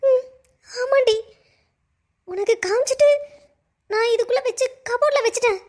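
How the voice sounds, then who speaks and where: A woman voicing a gentle, trusting young daughter-in-law in a cartoon, pleading and tearful. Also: very high voice, normal speed. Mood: distressed. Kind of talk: cartoon voice acting.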